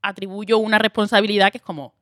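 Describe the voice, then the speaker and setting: Young woman, Andalusian accent, lively storyteller, acts out dialogue, dry close sound. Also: mid-range voice, quick pace, dry recording. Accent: Andalusian Spanish. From Andalusia, Spain. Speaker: guest actress. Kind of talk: casual chat.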